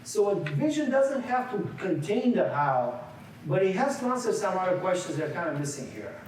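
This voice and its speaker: Very animated and high-pitched, with a darkish tone and a moderate pace, this man leads a seminar in a large echoey meeting room. He's in his forties, from Bulgaria, and speaks conversationally, often restarting and putting questions to the room. The distant, echoey recording carries a little hiss or hum.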